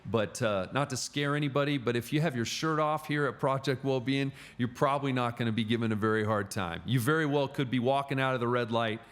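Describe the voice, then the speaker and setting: A middle-aged man chatting casually on a podcast, telling animated stories with frequent restarts. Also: mid-range voice, fairly quick, few pauses. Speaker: gym client and podcast guest. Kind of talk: casual podcast chat, storytelling.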